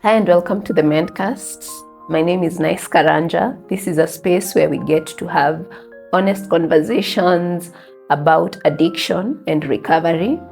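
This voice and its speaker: A woman hosting an interview podcast, soft-spoken and affirming as she asks her questions. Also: fairly low pitch, normal speed, creaky, soft background music. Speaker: podcast host.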